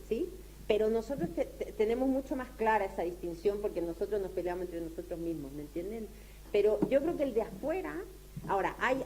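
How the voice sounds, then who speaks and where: Speaking in a dark tone, a woman from Latin America leads a relaxed lecture with questions from listeners. Her delivery is halting and repetitive, and she keeps confirming that everyone follows. Background noise and a low hum come through clearly on the rough recording.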